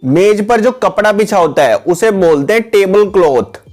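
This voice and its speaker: A man teaching English words for household items in a steady, repetitive voice-over, calling his viewers guys. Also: high voice, normal speed, soft background music. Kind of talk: vocabulary lesson voice-over with pictures.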